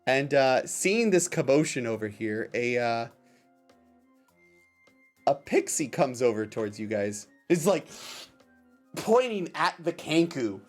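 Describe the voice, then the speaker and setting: A man narrating a tabletop game as game master, improvising in a halting way with repeated phrases. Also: mid-range voice, sing-song, faint music behind.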